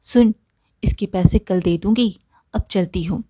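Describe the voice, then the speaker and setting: A woman's voice: medium pitch, measured pace, warm tone, husky. A woman voicing a poor, hardworking old village woman who talks plainly and practically. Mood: homely.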